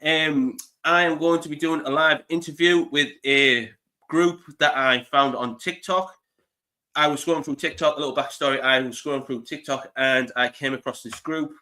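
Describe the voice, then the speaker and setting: A man in his thirties, stuffy with the flu, hosts a casual live interview. His mid-range voice has a sharp tone, and he's chatty and laughs often.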